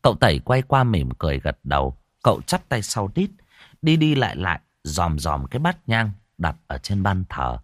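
Low-voiced male storyteller. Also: normal speed, no echo, clean studio sound. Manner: expressive storytelling delivery. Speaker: narrator. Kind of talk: audiobook storytelling.

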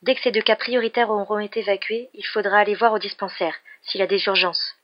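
A woman's voice: medium pitch, fairly even intonation, quick pace, lightly acted. A woman voicing a young female doctor who presses with urgent, practical questions, in a dull lo-fi recording.

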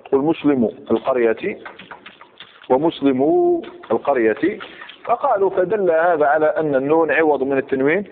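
Guy teaching grammar class, kinda high voice, tinny lo-fi audio with birds cooing behind. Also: quick pace. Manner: questions students, repeats examples. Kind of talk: classroom lecture. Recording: tinny phone-like recording.

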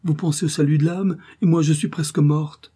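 A man doing a young woman, teasing, pleading, raised, breathy tone. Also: a little high, fairly even intonation, fairly quick, warm tone, pitched above the performer's own voice. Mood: coaxing. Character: charming young woman, playful temptress.

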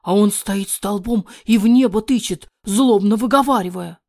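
A woman narrating a fairy-tale audiobook in an expressive voice that often drops to a breathy near-whisper. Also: medium pitch, normal speed, dry recording, clean studio sound.

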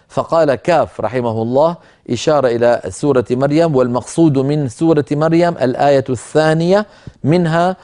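Measured Arabic lesson, mellow male teacher. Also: mid-range voice. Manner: measured, explanatory, chants verses slowly. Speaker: Quran recitation teacher. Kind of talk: lecture on a tajweed poem.

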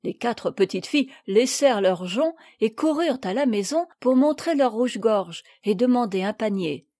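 A woman's voice: on the high side, lively intonation, normal speed, warm tone, no echo. A woman reading a classic children's novel aloud as narrator, giving each girl a voice of her own. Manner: reads with distinct voices for several girls. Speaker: audiobook reader. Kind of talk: scripted narration.

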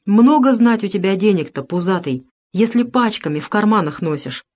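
A woman's voice: mid-range voice, expressive, moderate pace, a little mellow, natural voice. Lady doing a grumpy bitter hunter guy muttering, voice rises and falls a lot. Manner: grumbling, bitter. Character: sullen grudging male peasant hunter.

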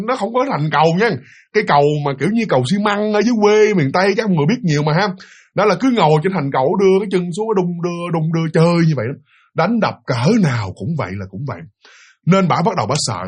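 A man telling a ghost story in casual spoken style, animated and addressing his listeners directly. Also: high voice, slightly rough.

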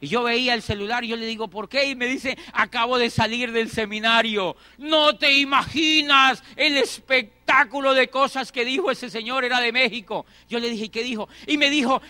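A middle-aged man delivers a motivational talk in a very high, piercingly bright voice. He acts out both sides of conversations and repeats phrases for emphasis. The sound is dry and close. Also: normal speed, few pauses, no echo. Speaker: motivational speaker. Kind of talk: motivational talk with acted anecdotes.

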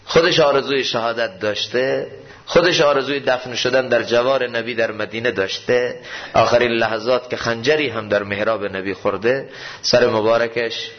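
Impassioned male preacher in a mosque. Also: highs cut off. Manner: impassioned, sways from loud cries to low tones. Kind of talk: sermon on mystical poetry.

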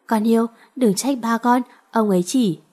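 A woman reading aloud and voicing a gentle, weakened mother speaking tenderly to her son. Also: fairly high pitch, moderate pace, close to an everyday voice. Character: dying mother, gentle and kind.

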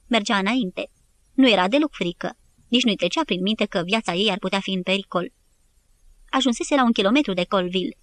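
A woman narrating a war history audiobook in an even, measured reading. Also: mid-range voice. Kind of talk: scripted narration.

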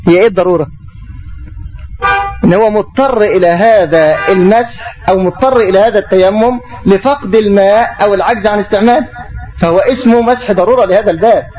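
A man's voice: high voice, brisk, a little mellow, faint music behind, low-quality recording. A middle-aged man with an Egyptian Arabic accent, teaching an Islamic lesson and taking questions, explaining through rhetorical questions.

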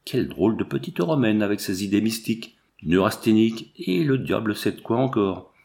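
A man's voice: fairly low pitch, sing-song, a little fast, darkish tone. A man reading a novel aloud, voicing an eager, smitten young American man who stammers.

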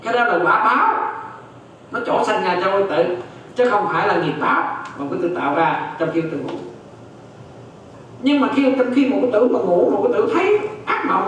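Monk teaching dharma, high animated voice, heavy echo from a distant mic. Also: male voice, a little hiss or hum. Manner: keeps checking that listeners follow, repeats phrases. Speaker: Buddhist monk teaching Abhidhamma. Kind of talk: dharma lecture. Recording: very echoey hall, distant mic.

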